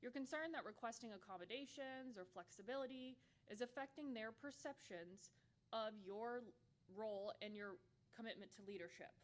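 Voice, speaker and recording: A woman giving a conference workshop talk, candid and humorous with playful asides. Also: mid-range voice. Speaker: workshop presenter.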